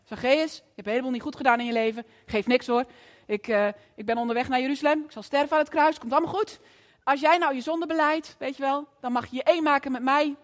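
A woman voicing Jesus as a kind adult man calling someone gently, during a sermon. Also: high-pitched, quick pace, big-room sound, voice pushed down, close to an everyday voice. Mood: preachy.

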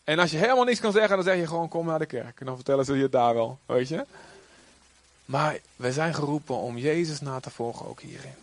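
A man preaching a sermon in a lively way, sometimes acting out quoted figures in a raised voice. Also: fairly high pitch, fast talker.

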